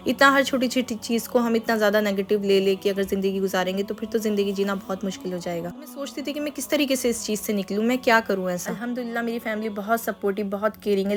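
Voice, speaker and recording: A woman hosting her own channel, telling a personal religious testimony in an earnest, confiding, unhurried way. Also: mid-range voice. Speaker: channel host.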